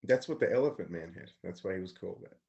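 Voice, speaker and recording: Chill young guy on a podcast, kinda low voice, laughs a lot. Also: expressive, quick pace, gravelly, a little mellow, slightly rough, lo-fi sound. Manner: laughs often, easygoing. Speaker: podcast co-host. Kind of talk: casual chat.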